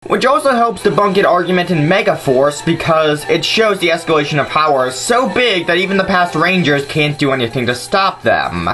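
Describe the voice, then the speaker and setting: A man's voice: on the high side, very animated, brisk, hardly any pauses, bright, forceful tone. A man hosting a scripted video commentary, arguing his points in an informal way. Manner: argumentative, informal. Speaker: host of a nitpicking response video.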